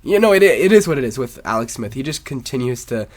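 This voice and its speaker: Male sports vlogger, stuffed-up and sick with a sore throat, informal opinionated commentary, mid-pitched. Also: very animated, quick pace. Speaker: sports video host.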